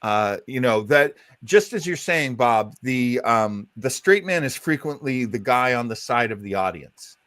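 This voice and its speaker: A man's voice: mid-range voice, animated, unhurried, hardly any pauses, fairly bright tone, no echo. A man co-hosting a chat show, talking casually and agreeing often with his guest. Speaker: co-host.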